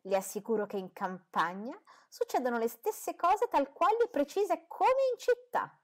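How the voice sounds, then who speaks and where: A woman reading an audiobook, voicing a fussy, boastful middle-aged mother who talks in a gushing, indignant way. She sounds a little higher and louder than her narration. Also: animated, normal speed, natural voice.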